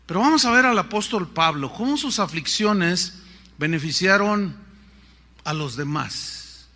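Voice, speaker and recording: A man's voice: high voice, animated, measured pace, bright, forceful tone. A middle-aged man, preaching a sermon with rhetorical questions and playful asides. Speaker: pastor.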